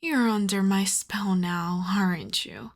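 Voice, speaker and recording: In a medium-pitched voice, a woman acting as a seductive vampire countess speaks very slowly through an intimate ASMR roleplay, sounding commanding and amused. Her tone alternates between soft and half-whispered, teasing and possessive, and each command is wrapped in endearments that barely hide a playful menace.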